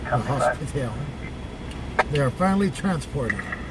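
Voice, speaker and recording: A man's voice: mid-range voice, expressive, normal speed, recorded from a distance. A man chatting casually inside a car, as captured on dashcam audio. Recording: loud vehicle noise, dashcam audio. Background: car noise and police radio.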